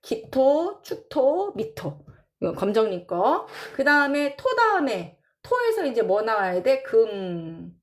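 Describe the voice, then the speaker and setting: A woman's voice: a little high, very animated. A woman teaching a class in a casual lecture style, drawing out terms and repeating them as she counts and writes. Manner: drawn-out, repeats terms while counting and writing. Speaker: saju teacher.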